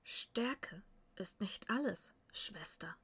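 A woman voicing a young Viking warrior who gently encourages his little sister in a storybook reading. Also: mid-range voice, animated, very slow, breathy edge, whispered, full character voice. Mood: encouraging. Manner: encouraging, warm.

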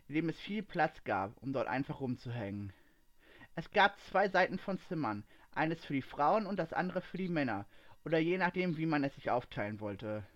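A man narrating a story aloud at a steady, even pace. His voice sits fairly high for a man. The recording sounds dull and lo-fi. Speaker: story reader.

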